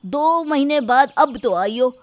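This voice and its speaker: A woman's voice: high voice, lively intonation, slow pace, no echo, studio quality, pitched above the performer's own voice. A woman voicing a young husband who questions and mildly protests. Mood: questioning.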